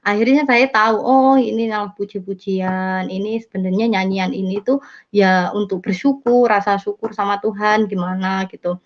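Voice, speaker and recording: A woman's voice: mid-range voice, fairly even intonation, moderate pace. A woman casually telling her conversion testimony, rambling with many fillers and self-corrections. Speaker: testimony speaker. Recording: dull lo-fi sound.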